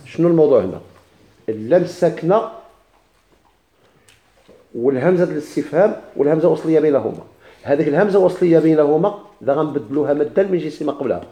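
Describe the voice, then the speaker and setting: In a recitation class where he explains a text, a man with a Moroccan Arabic accent asks his students questions and then answers them himself. He says words slowly and over again, restarting often. His voice is on the high side, expressive, and dark in tone.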